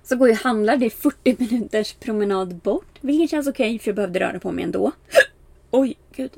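Animated young woman telling a story. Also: on the high side, gravelly, slightly rough, dry recording. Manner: animated, acts out quoted exchanges with bright raised voice; frequent filler "bara" and "liksom", laughs at herself. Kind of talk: casual storytelling.

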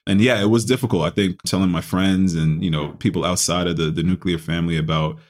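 A man from New York talking as a chef guest in an interview, relaxed and full of fillers and repeated words. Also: low voice, fast talker. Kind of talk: casual interview.

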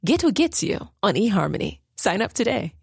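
A woman giving an upbeat ad read, her voice lively and full of movement with a gravelly, husky texture. The recording is close and dry. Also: mid-range voice, a little fast, no room sound. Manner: upbeat, persuasive. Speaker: ad reader. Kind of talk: scripted ad read.

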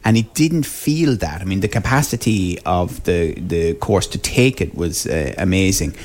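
A man's voice: low voice, unhurried, a little mellow, slight background noise. An Irish man presenting live radio in a conversational style, introducing and interviewing guests.

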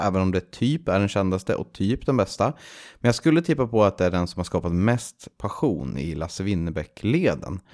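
A man's voice: sits low, a little mellow. A man co-hosting a casual music podcast, talking in a hesitant, searching way with many fillers and restarts. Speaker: podcast co-host.

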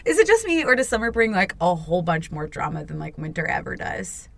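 A woman's voice: fairly low pitch, sing-song, brisk, gravelly, fairly bright tone. A woman hosting a podcast in casual chat, talkative and swearing, acting out other people's voices. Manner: chatty, swears, acts out quoted voices. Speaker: podcast host.

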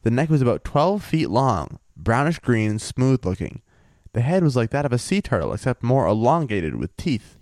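A man co-hosting a casual podcast, telling a story in a relaxed way and thinking aloud. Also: mid-range voice, moderate pace, dry recording, studio quality.

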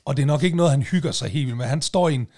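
A man co-hosting a podcast, telling a story in a casual, animated way, swearing and loudly acting out what people said. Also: mid-range voice. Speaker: podcast co-host.

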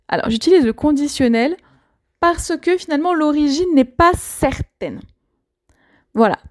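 A French teacher with a high, slightly mellow voice teaches learners an idiom. She talks slowly and clearly, explaining patiently and using lots of small fillers.

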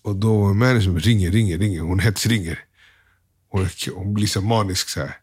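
A young man, an interview guest, telling a hard personal story in a subdued, halting way, full of slang and quoted dialogue. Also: on the low side, slightly rough.

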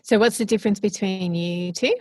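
A woman's voice: medium pitch, a little fast, darkish tone, no room sound. An Australian-accented woman co-hosting a podcast with casual, chatty questions. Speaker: podcast co-host.

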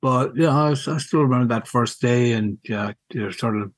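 A middle-aged man, reminiscing casually in a halting, wry way and repeating words as he goes. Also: mid-range voice, no echo. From County Mayo, Ireland. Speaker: podcast guest, school alumnus.

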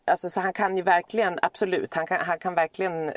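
A woman's voice: lowish voice, fairly even intonation, no echo. A woman in her forties in casual chat, talking at length with many fillers and acted-out quotes. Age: 40s. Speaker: podcast co-host and parent.

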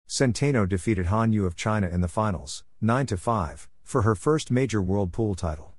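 Low, dry-voiced man reading an editorial. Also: darkish tone, no echo. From Philippines. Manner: measured, formal reading. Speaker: opinion column reader. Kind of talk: scripted narration of an editorial.

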